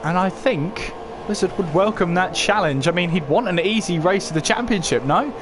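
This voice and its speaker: Guy commentating a car race live, motorsport commentator style, highish voice, asks questions as he calls it, noisy behind him. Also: animated, normal speed. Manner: running play-by-play with rhetorical questions.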